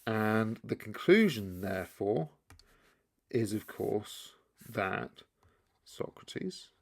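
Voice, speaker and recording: A man explaining key terms in a relaxed lesson, thinking aloud as he draws and often restarting his sentences. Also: on the low side, slow, creaky. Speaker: teacher. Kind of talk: explainer lesson while drawing.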